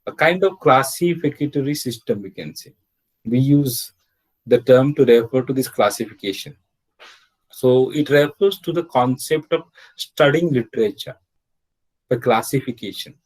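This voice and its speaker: A man's voice: medium pitch, darkish tone, low-quality recording. A man giving an online literature lecture. He explains step by step, with many fillers like "okay" and "means". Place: home, recorded over a video call. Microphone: computer or headset mic on a video call.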